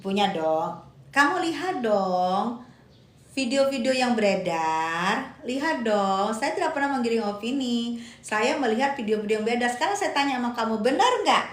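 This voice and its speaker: A woman's voice: a little high, animated, normal speed, reverberant. Emphatic woman ranting on a live stream. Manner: emphatic, argumentative, repeats points; reads viewer comments aloud and answers them. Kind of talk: casual live-stream commentary.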